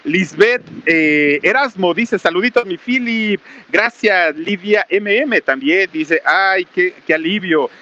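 Hosting a live stream outdoors under a small roof in heavy rain, a man reads out viewer greetings in a raised, casual voice. His voice sits high and slow, pushed and bright, picked up by a camera mic with crew nearby, and the highs are cut off.

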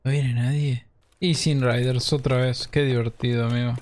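Excitable Argentine man streaming a game. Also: medium pitch, normal speed. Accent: Argentine Spanish. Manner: excitable, swearing, mixes in English slang. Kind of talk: live gameplay commentary.

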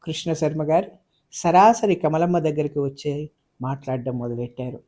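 Male audiobook narrator, measured and expressive, mellow tone, slightly high voice.

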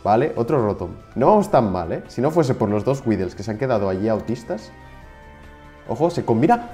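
A young man with a Spain Spanish accent giving casual, excitable commentary while playing a video game, now and then shouting at it in frustration. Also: mid-range voice, a little fast, faint music behind. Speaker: gaming YouTuber.

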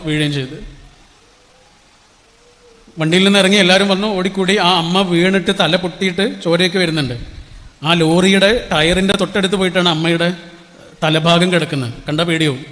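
A man's voice: high voice, fairly bright tone. Storytelling man speaking in a reverberant hall. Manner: storytelling, rhetorical questions to the audience. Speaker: motivational speaker. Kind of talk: inspirational public speech.

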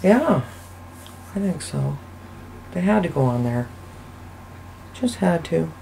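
A woman hosting a soap-making channel, giving a casual, chatty voice-over that rambles and thinks out loud as she goes. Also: low-pitched, sing-song, slow, gravelly, a little hiss or hum, rough recording. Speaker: soap maker and channel host. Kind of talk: casual voice-over narration of a craft video.

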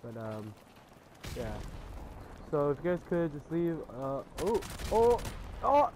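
A young man with a slightly high voice chats casually as he plays a video game. He rambles and repeats himself in slangy, sweary language, with gunfire and faint noise from the game behind him. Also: big pitch swings, slow, warm tone. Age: young adult. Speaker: gaming YouTuber. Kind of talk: casual chat over gameplay. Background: video game gunfire and ambience.

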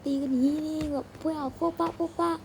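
A woman giving excitable game commentary with crude slang, hopping between voices for the characters she plays, over a noisy background. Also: sits high, very fast, vocal fry. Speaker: gamer. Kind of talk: game commentary with role-play.

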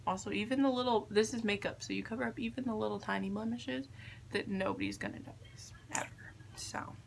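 A young woman vlogging casually, halting and unsure of herself, with a self-deprecating way of talking. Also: mid-range voice, steady tone, creaky. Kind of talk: casual makeup vlog chat. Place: attic bedroom, indoors. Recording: faint background noise, room ambience.

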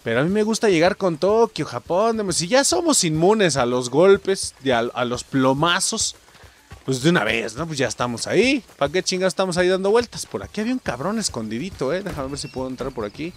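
A man's voice: on the high side, a little fast. A young man with a Mexican accent giving casual, slangy gameplay commentary as a channel host, swearing often and talking straight to his viewers. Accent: Mexican Spanish. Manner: excitable, slangy, swears a lot, addresses viewers directly.

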